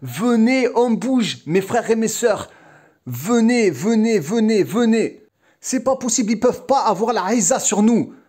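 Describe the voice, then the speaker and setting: Male vlogger, high voice, agitated and repetitive. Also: expressive, normal speed, a little mellow. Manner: agitated, repetitive, frequent restarts. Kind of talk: heated vlog monologue.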